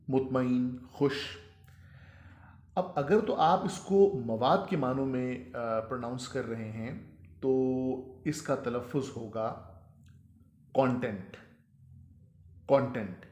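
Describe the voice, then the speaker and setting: A man with a Pakistani Urdu accent teaches a pronunciation lesson at a measured pace. He spells out each word and repeats it so it sinks in. His mid-pitched voice carries a roomy echo. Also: darkish tone.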